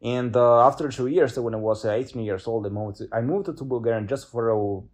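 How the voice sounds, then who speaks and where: This young man from Italy is a polyglot guest in a relaxed interview, talking in accented English full of fillers and false starts. He has a mid-range, slightly mellow voice, with a steady tone and a brisk pace.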